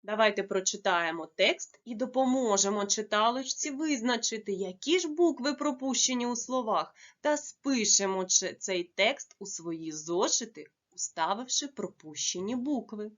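Woman teacher doing a kids' lesson, stretches words out slow, kinda muffled recording. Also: mid-range voice, animated. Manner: slow, careful dictation with drawn-out words. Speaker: primary school teacher. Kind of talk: classroom lesson for young children.

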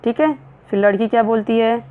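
A woman teacher, reading English lines slowly and then explaining them in Hindi. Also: a little high, phone-quality sound.

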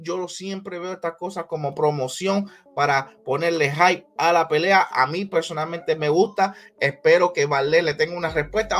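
A man hosting a casual boxing commentary vlog, talking in a lively, hyped way and repeating catchphrases. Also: fairly high pitch.

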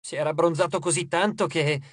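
A man's voice: a little high, steady tone, quick pace, no echo, studio quality, natural voice. A man voicing a boastful, mischievous male dwarf in an audiobook, with a cheeky, mocking manner. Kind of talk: audiobook character voice.

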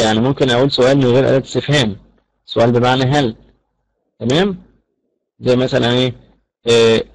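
A man's voice: medium pitch, dry recording, rough recording. A man with an Egyptian Arabic accent giving an online English lecture, repeating example questions aloud in English. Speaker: English teacher.

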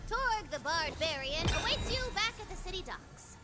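A woman narrating events in a video game with a plain announcing delivery, loud game music behind her. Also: extremely high pitch, big pitch swings, moderate pace.

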